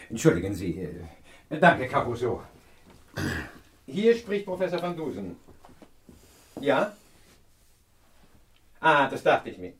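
An actor playing a pompous, self-assured professor and amateur detective in a radio crime drama, lecturing in a pedantic manner. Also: male voice, fairly high pitch. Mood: pleased, triumphant.

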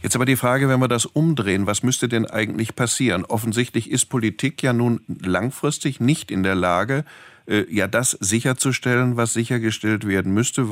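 A man asking an economist probing, deliberate interview questions. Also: fairly low pitch, dry recording.

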